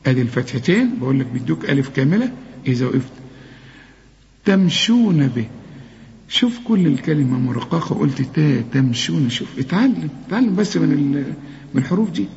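A man with an Egyptian Arabic accent teaching Quran recitation rules, explaining step by step and slowly chanting the verse examples. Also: on the high side, lively intonation, a little mellow. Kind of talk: tajweed lesson. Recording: lo-fi muffled recording.

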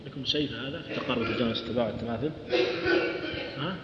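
A man teaching a tajweed class in a lecture hall. He explains quickly, asks his students questions and recites verse slowly. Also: mid-range voice. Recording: echoey hall, dull lo-fi sound, faint hum.

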